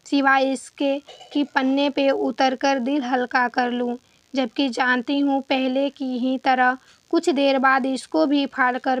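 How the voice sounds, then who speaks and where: A woman reading as a heartbroken young pregnant wife pouring out her pain in a storybook letter. The voice is high and slow, with little rise and fall. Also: no echo, dull audio. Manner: sorrowful, confiding.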